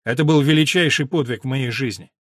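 A man's voice: mid-range voice, fairly quick, no room sound, close to an everyday voice. A man reading an audiobook, voicing an easygoing young man who speaks dryly and jokingly. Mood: wry. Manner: dry and joking.

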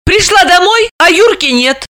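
A woman's voice: sing-song, moderate pace, pushed and bright. A woman voicing a distraught, jealous young woman who sobs and accuses her sister in an audiobook. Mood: hysterical accusing. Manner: tearful, accusing, shrill outbursts. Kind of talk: audiobook character voice.

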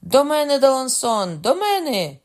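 A man voicing a hot-blooded young king who shouts loud, high, strained commands during a boar hunt in an audiobook. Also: big pitch swings, unhurried, exaggerated voice. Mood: frantic.

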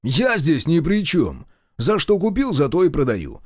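A man's voice: mid-range voice, very animated, no room sound, studio quality, natural voice. A man voicing a sly, sarcastic male informant who mocks and needles others, in an audiobook. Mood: indignant. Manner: sly, mocking, drawn-out. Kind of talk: audiobook character voice.

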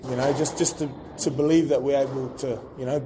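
A man's voice: mid-range voice, steady tone, brisk, background noise. A man being interviewed after a game, answering hesitantly with many fillers. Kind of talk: post-match interview.

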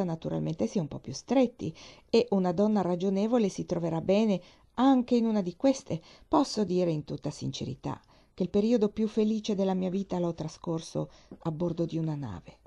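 A woman's voice: on the low side, lively intonation, a little fast, vocal fry, dark tone, lo-fi sound. A woman reading the part of a forthright middle-aged navy wife, speaking emphatically, as if lecturing. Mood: recounting.

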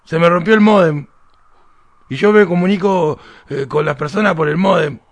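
A man playing a shifty suspect who works in a factory, in a radio comedy sketch, stalling with drawn-out fillers. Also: on the high side, noisy background, lightly acted. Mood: hesitant.

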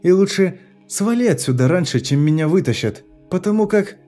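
Man putting on a young woman snapping back, audiobook, pitched up, soft music behind. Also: expressive, normal speed. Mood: angry. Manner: sharp, indignant retorts. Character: frightened, angry young woman trapped in a lift.

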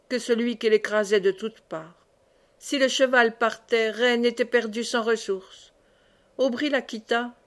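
Woman reading a novel aloud. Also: on the high side. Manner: expressive, raises voice for cries. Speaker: audiobook reader.

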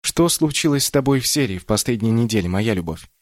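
A man's voice: mid-range voice, lively intonation, fast, no room sound, clean studio sound, natural voice. A man doing Mama Rila, a loving stern storyteller. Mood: tender. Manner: tender, pleading, then proudly stern.

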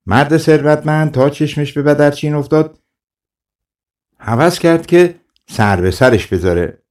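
A man narrating a folk tale audiobook in a calm, friendly storytelling manner, addressing his listeners. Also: a little high.

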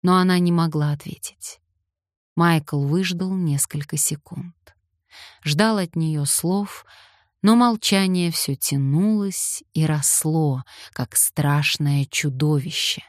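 A woman giving a slow, dramatic audiobook narration. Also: sits low, no echo, studio quality. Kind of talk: scripted narration.

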